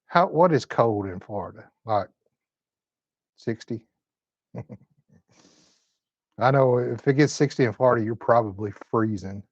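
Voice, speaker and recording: A man's voice: mid-range voice, lively intonation, measured pace, long pauses, dry recording, dull audio. A man of fifty hosting a live-stream chat from his home, reading viewer comments in a folksy, laid-back Southern way. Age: 50s. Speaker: host.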